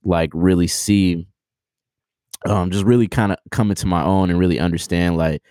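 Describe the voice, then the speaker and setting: A young man with a very deep voice talks through a casual interview, recorded dry and close. He rambles in a relaxed, slangy way, full of fillers and restarts. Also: normal speed, no echo. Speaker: podcast guest.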